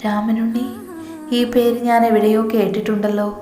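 A timid, frightened young village woman who stammers and hesitates, as voiced by a woman narrator. Her lines come in a small, even tone. The room adds echo, with faint music behind. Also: a little high, normal speed, natural voice. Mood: wondering. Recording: echoey room.

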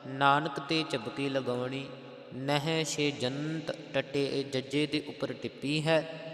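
A man teaching the correct recitation of scripture, chanting each verse slowly and then explaining how to pronounce it. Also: mid-range voice, fairly even intonation, a bit bright. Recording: echoey room with long reverb.

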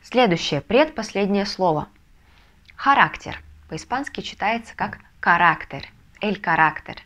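A woman's voice: mid-range voice, a little slow. Patient Russian-speaking woman teaching Spanish. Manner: patient, steady explaining with soft "mhm" confirmations. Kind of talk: online video lesson. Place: language school in a Russian city.

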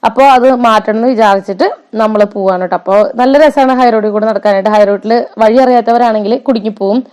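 A woman's voice: medium pitch, fast talker, darkish tone, clear, resonant tone. A young woman, chatting casually over a shopping vlog as its host and often adding little tag words and fillers. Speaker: vlogger.

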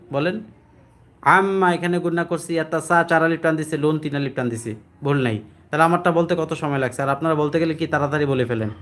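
A man teaching Quran recitation, explaining the rules and then chanting verses slowly. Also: a little high.

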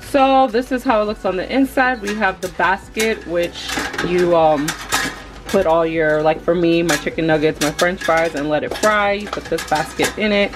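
A young adult woman chatting to viewers as she cooks in her home kitchen, excitable and talking as she works. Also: lowish voice, noisy background. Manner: chatty, excitable, talks to viewers while working. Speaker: cooking vlogger. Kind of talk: casual cook-along narration.

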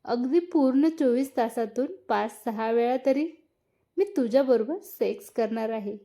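A woman's voice: on the high side, a little slow, warm tone. A woman voicing a teasing, eager young husband, playful and insistent, in a read-aloud story.

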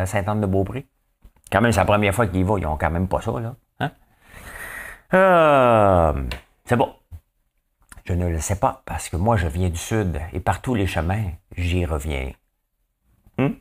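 A man with a Québécois French accent doing casual, rambling commentary on the day's news, often talking straight to his viewers and asking them questions. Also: deep voice. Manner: rambling, talks to viewers, asks them questions, hums songs. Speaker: host of a daily news chat.

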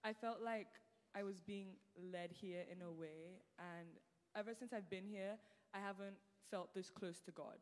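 A long reverb from the large hall surrounds a teenage Nigerian girl speaking casually on a church stage into a handheld mic. A student guest with a British-tinged Nigerian accent, she fills her talk with "like," her mid-range voice steady and a little slow.

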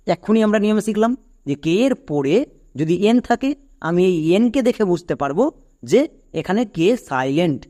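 A man's voice: sits high, a little mellow. A man teaching English pronunciation in a classroom-style lesson. He explains each rule step by step, repeats it, and asks the class questions as he goes.

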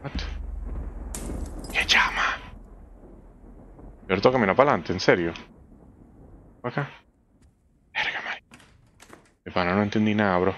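A young man with a Venezuelan Spanish accent giving excitable let's play commentary on a horror game, swearing often and jumping into squeaky high exclamations. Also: rapid-fire, pauses often, a little hiss or hum.

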